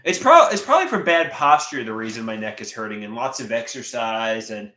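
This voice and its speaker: A man in his late thirties chats casually on his livestream, reading viewer comments aloud through a stuffed nose. His medium-pitched voice is very animated, a little fast, and pushed and bright. He halts often to repeat words and restart sentences, and the room has an echo.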